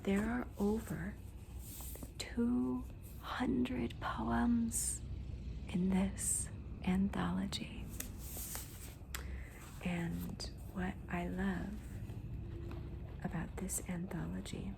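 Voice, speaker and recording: A woman talks about books in a hushed, whispery ASMR style. Her delivery is very unhurried and deliberate, with gentle pauses and a crackly fry in the voice. Clear background noise sits behind her words. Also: medium pitch, fairly even intonation. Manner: slow, deliberate, gentle pauses between phrases. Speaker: host of a book haul video. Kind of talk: soft-spoken ASMR book talk.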